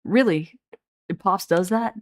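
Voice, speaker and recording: A woman's voice: mid-range voice, darkish tone, dry recording, pitched above the performer's own voice, close to an everyday voice. A woman reading the lines of a timid adult son who stumbles over his words. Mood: hesitant. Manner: halting, timid. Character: hesitant estranged adult son.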